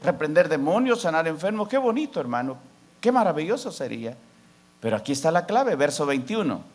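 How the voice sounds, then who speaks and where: A man preaching a sermon as pastor, often addressing the congregation as brother, swinging between loud declarations and soft asides. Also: on the high side, sing-song, a little fast. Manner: preaching with sweeping rises and drops, calling out "hermano".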